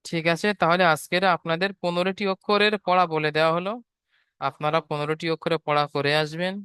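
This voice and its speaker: A man's voice: a little high, fairly even intonation, a little fast, pushed and bright, clear, resonant tone, no echo. A man teaching Quran letter sounds patiently, repeating each point and drawing out every sound. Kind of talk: step-by-step online lesson.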